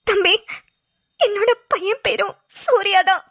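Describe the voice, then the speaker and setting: A woman doing a sweet cartoon mom, gentle and motherly, really high and bright voice. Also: animated, a little fast, heavily acted. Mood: tearful. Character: kind, tender-hearted middle-aged mother. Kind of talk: homemade cartoon voice acting.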